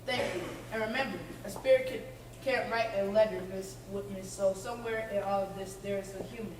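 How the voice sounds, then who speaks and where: A calm, resolute doctor played by a woman in a spooky stage melodrama. The voice is medium-pitched, distant and echoing, with noise behind it. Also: a little fast, close to an everyday voice. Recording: distant echoey noisy recording.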